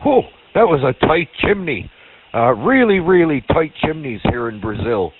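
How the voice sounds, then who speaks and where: A jolly old Santa Claus, put on by a man, speaking over a two-way radio that makes him thin and tinny. His hearty ho-ho-hos leap high, and his pitch swings widely. There's a faint hiss on the channel. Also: sing-song, normal speed. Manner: hearty ho-ho-ho laughs, jovial. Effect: two-way radio transmission.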